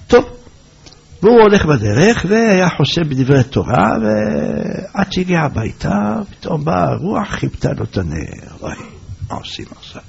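A man telling an oral folk tale in a lively way, acting out the characters' lines. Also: high voice, vocal fry. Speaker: storyteller. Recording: dull lo-fi recording.

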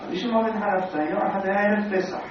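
A man teaching a religious lesson, telling his story with animated, dramatic flair and a slightly high voice. He sounds far from the mic in a very echoey hall. The recording is dull and lo-fi, with a faint low rumble underneath. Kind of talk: storytelling sermon.

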